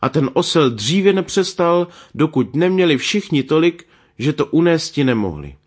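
A man reads an old fairy tale aloud in an animated storyteller's voice. His pitch sits a little high and swings widely as he marks each character with small changes of voice. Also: breathy edge.

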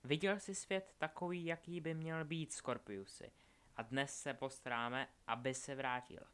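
A man's voice: mid-range voice, little pitch movement, a bit bright, clear, resonant tone, lightly acted. A man voicing a cruel, scheming young witch who taunts and threatens. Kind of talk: audiobook character voice.

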